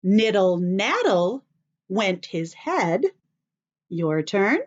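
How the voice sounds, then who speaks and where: In a very animated, mid-range voice, an American woman teacher slowly reads aloud from a children's book, her intonation rising and falling widely like a song as she questions the young listeners. The sound quality is slightly dull and lo-fi.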